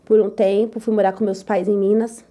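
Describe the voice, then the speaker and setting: A young woman chef telling her story in an interview, lively and loud, acting out the voices of others. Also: mid-range voice, brisk. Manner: lively, acts out quoted voices, repeats "tal, tal"; says she talks loud and gruff. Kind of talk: animated personal storytelling.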